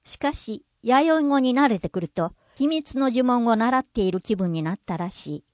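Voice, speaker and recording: A woman with a fairly high voice reads a scripted narration at a measured pace. She slows down to sound out example words. The recording is dry and close, with no room sound. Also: animated, darkish tone, dry recording.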